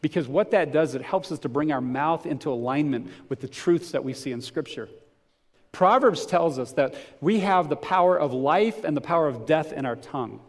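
Male pastor, slightly higher voice, conversational sermon delivery with rhetorical questions. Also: expressive, moderate pace.

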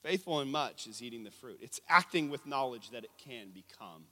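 Bright-voiced preaching man. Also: mid-range voice, a little fast. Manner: animated preaching, asks the congregation questions. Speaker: pastor. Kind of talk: sermon.

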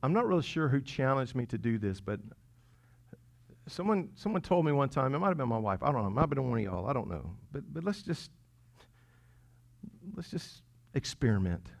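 Man pastor preaching; easygoing, teasing, punches key lines then drops low. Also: sing-song, fairly quick, gravelly, pauses often. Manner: conversational and playful, swinging between loud emphasis and quiet asides. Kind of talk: sermon. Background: congregation chuckling.

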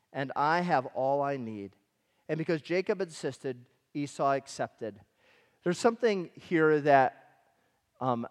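A middle-aged man from Michigan delivers a conversational sermon, sliding easily into personal stories and animated asides. His voice sits high for a man. The sound carries a long reverb, as in a large church hall. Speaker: pastor.

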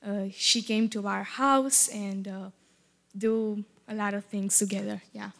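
A woman whose first language is Romanian gives a personal testimony in accented, careful English. She speaks slowly at a middling pitch, halting as she searches for each word. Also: fairly even intonation, gravelly, fairly bright tone. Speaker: church ministry worker.

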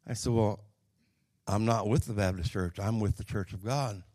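An older man with an Oklahoma accent delivering a folksy sermon with personal stories, halting and plainspoken, moving between hushed asides and loud, emphatic lines. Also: fairly low pitch, dry recording, studio quality. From Oklahoma, United States. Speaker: Pentecostal preacher.

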